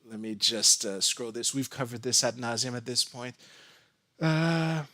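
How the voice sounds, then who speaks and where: A man's voice: mid-range voice, pushed and bright, dry recording. Male streamer, casual commentary, stop-start and stammering, dry close sound. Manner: halting, many restarts and stammered repeats. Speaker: live streamer.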